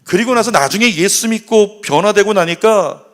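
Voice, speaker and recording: A man's voice: high-pitched, animated, normal speed. A male pastor preaching a sermon at a church service, leading the congregation in call-and-response repetition.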